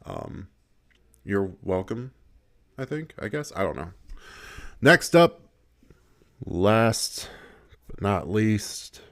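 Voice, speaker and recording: A man's voice: on the low side, animated, slow pace, pauses often. A man giving casual gameplay commentary, swearing a lot, laughing often and rambling with restarts. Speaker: gaming video creator.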